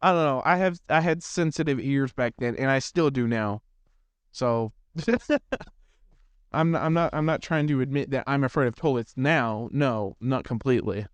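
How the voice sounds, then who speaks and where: A man's voice: medium pitch, moderate pace, smooth, dry recording. A teenage boy hosting a gaming channel, telling a rambling, self-deprecating story in casual chat with lots of restarts. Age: teens.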